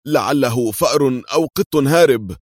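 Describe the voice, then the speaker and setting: A man's voice: medium pitch, lively intonation, moderate pace, no echo, studio quality, pitched above the performer's own voice, lightly acted. A man voicing a jovial, heavyset male sidekick who teases his captors in a playful, mocking way. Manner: teasing, playful.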